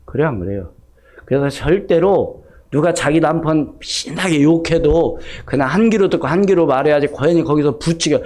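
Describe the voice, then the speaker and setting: A man's voice: on the high side, expressive, moderate pace, darkish tone. A middle-aged male pastor giving a conversational Sunday sermon, acting out snippets of everyday dialogue. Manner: conversational preaching, acts out gossipy dialogue.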